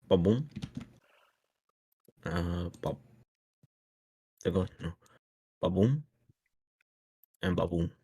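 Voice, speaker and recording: A man with a husky voice chatting casually as a player in a tabletop game. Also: low-pitched, lively intonation, extremely slow, long pauses.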